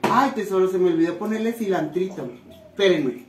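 A woman chatting warmly with viewers while cooking in her home kitchen, calling them little treasures. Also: mid-range voice, a little fast. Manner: chatty and affectionate, calls viewers "tesoritos". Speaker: cooking vlogger. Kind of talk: casual cooking chat to viewers. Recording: echoey room with faint noise.

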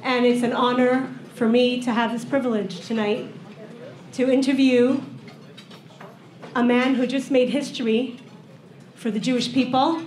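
A young woman interviewer speaking formally and clearly on stage through a handheld mic. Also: fairly high pitch, steady tone, measured pace, long pauses, darkish tone, a little hiss or hum. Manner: formal and articulate. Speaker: interviewer and program director. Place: event hall with audience. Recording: echoey hall, faint room ambience.

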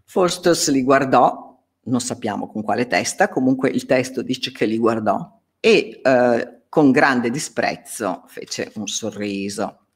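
Slow, expressive woman teacher. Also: a bass voice, husky. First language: Italian. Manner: slow, explaining line by line, with hesitations. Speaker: English teacher. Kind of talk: reading and translating a story in a lesson.

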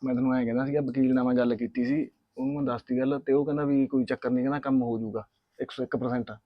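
An actor playing a hot-headed young village man with a Punjabi accent, ranting in a rapid, indignant rush. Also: medium pitch, little pitch movement, no echo, highs cut off, close to an everyday voice. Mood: scheming. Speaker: young heir of a farming family. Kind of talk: village drama acting.

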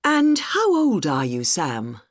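A actress as a kindly questioner with a lowish voice and dramatically varied intonation. She speaks slow, stilted textbook dialogue. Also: wildly swooping pitch, no room sound, clean studio sound, exaggerated voice. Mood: interested. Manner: careful, exaggerated questioning. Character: kindly adult questioning a schoolchild.

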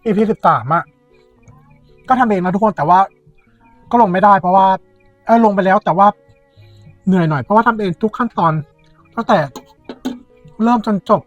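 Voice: mid-range voice, normal speed, pauses often. A food vlogger and host chatting casually and informally, speaking straight to followers. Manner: informal, chatty, addresses viewers directly. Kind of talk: casual mukbang chat to followers. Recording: dull, lo-fi sound with background music.

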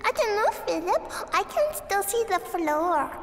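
A woman's voice: very high voice, very animated, measured pace, long reverb tail, over music, exaggerated voice. A woman voicing a curious little boy and girl, toddlers in a cartoon, chirpy and babyish. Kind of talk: cartoon voice acting.

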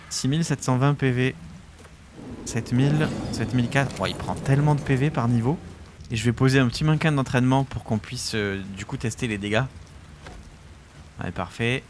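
Amid slight background noise, a YouTuber plays a survival game and keeps up lively, easygoing commentary, talking both to his audience and to the creature he has tamed. His voice is medium-pitched.

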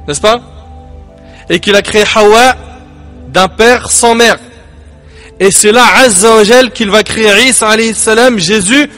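High-voiced man preaching, soft music behind. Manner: emphatic, rising and falling delivery with dramatic pauses. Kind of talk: sermon.

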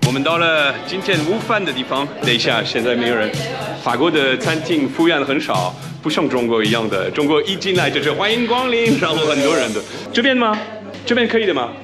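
A man in his thirties, a foreigner speaking fluent Mandarin with a foreign accent, hosting a casual, animated vlog. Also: on the high side, a little fast. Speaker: vlog host. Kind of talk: casual vlog narration and chat. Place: city streets, market and busy restaurant. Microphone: camera held at arm's length. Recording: loud background music.

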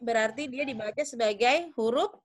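A woman's voice: on the high side, a little fast. Young woman teaching, checking understanding. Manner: patient, checks understanding often; thinks aloud with fillers and self-corrections. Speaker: English teacher. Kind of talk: online class explanation.

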